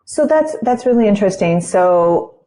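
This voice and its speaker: A woman's voice: medium pitch, expressive, moderate pace, mellow, poor audio. A woman in her fifties hosting a podcast interview, supportive and asking open questions. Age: 50s. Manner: supportive, asks open questions, lots of "mm-hmm". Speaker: podcast host. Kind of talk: conversational interview.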